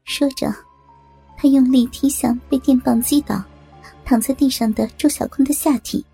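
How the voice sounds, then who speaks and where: A woman narrating an audiobook in a steady storytelling manner. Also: high-pitched, moderate pace, creaky, husky. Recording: dry close mic with faint music beneath.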